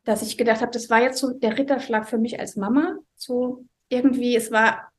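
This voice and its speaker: A woman with a fairly high voice tells an emotional personal story in an interview. She talks in an earnest, halting way, pausing and restarting, and often sinks to a near-hushed tone. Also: steady tone. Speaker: mother telling her story as a guest.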